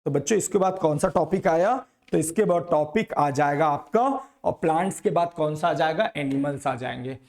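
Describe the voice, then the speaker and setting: Male teacher, fairly high voice, repeats and quizzes the class. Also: moderate pace, few pauses, darkish tone. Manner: repetitive call-and-response questioning. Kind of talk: classroom science lesson.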